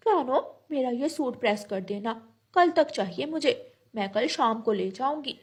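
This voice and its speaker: A woman's voice: high-pitched, expressive, moderate pace, breathy edge. A woman doing a haughty scheming female crow. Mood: scornful. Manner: haughty, scornful.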